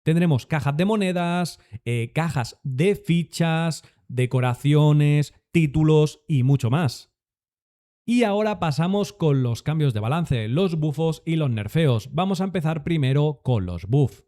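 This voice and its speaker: A man's voice: a little high, lively intonation, measured pace, dark tone. A young man with a Spain Spanish accent, giving an upbeat rundown of a game update and addressing his viewers. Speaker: gaming content creator.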